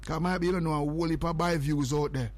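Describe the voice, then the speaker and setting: A Jamaican man hosts morning radio in a fairly high, darkish-toned voice, talking fast with fairly even intonation. In pure broadcast patter, he hypes up his audience by looping the same phrases and repeating numbers over and over.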